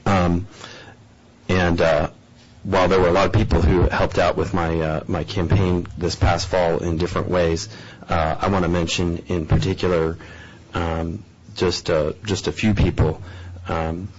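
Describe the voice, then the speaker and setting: A man serving as mayor, giving a halting formal thank-you speech at a board meeting, full of ums and uhs. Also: low voice, little pitch movement, slightly rough, lo-fi sound. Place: town board meeting room.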